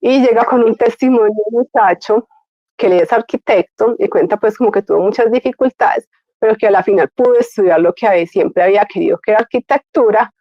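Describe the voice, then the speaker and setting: A woman's voice: mid-range voice, brisk, no echo. Woman telling her story. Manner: animated storytelling, acts out her own past words. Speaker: guest giving faith testimony. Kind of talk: personal testimony. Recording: dry, dull lo-fi sound.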